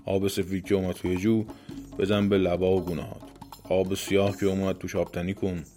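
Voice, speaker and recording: A man voicing a gruff male demon from a folk tale, giving calm commands in a low, hushed voice. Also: faint music behind.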